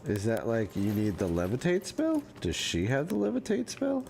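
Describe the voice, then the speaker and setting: A man offers laid-back commentary as he plays a fantasy role-playing game, musing aloud in an offhand way. His voice is mid-range and creaky at a normal speed, with slight background noise.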